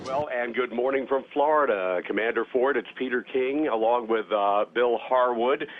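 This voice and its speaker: A man's voice: medium pitch, normal speed. A male news correspondent heard over a narrow radio link, asking friendly, chatty questions with many fillers. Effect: radio link, narrow phone-like audio. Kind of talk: live interview over a space-to-ground link. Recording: tinny radio link with faint hiss.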